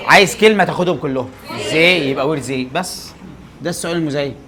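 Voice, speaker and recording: A young man with an Egyptian Arabic accent teaches an English grammar class, rapidly asking his students questions and answering them himself. His voice is high-pitched, bright and forceful.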